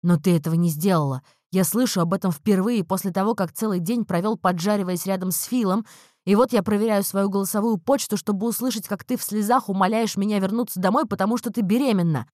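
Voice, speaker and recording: A woman voicing a furious young man who growls and shouts, in an audiobook. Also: sits low, normal speed, no echo, clean studio sound. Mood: angry. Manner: growling, shouting through clenched teeth.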